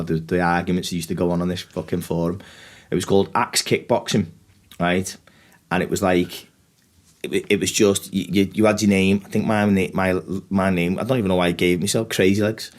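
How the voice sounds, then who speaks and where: A man's voice: deep voice, brisk. A middle-aged man with a northern English accent chatting casually and telling stories animatedly, with plenty of swearing. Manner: animated storyteller, acts out exchanges, swears freely. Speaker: podcast guest, former fighter and trainer. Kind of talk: casual podcast chat.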